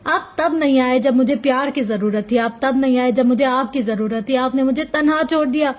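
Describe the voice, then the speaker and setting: A tearful little girl pours out her hurt at her father, as a woman reads her lines. Her voice sits very high and presses forward with accusation. It is a storybook performance. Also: moderate pace, natural voice. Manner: pleading, accusing, high-pitched.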